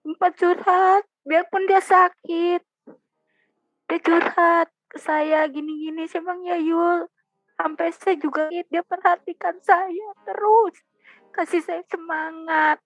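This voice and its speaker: A woman with a very high voice speaks very slowly and sadly about a friend. The audio is dry and dull, with faint music underneath. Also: fairly even intonation, dry recording. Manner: slow, sorrowful. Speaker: friend sharing memories. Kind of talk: casual remembrance talk.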